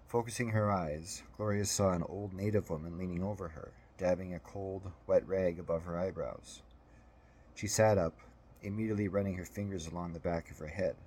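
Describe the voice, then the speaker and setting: A man narrating an audiobook in a steady, measured storytelling manner. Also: sits low, slight background noise.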